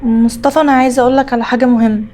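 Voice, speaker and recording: Brief: actress doing a young Egyptian wife, mellow, very fast, insistent. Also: female voice, on the high side, fairly even intonation, faint music behind, lightly acted. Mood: hesitant. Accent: Egyptian Arabic. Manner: hurried, insistent. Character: accused young Egyptian wife, woman, pleading. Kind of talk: melodramatic short-film acting.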